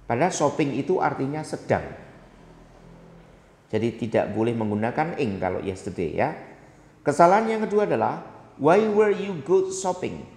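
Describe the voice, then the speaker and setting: Middle-aged guy explaining english grammar, slow careful examples, roomy reverb. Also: mid-range voice, very animated, darkish tone. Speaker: English teacher. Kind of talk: recorded grammar lesson. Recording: echoey room with long reverb.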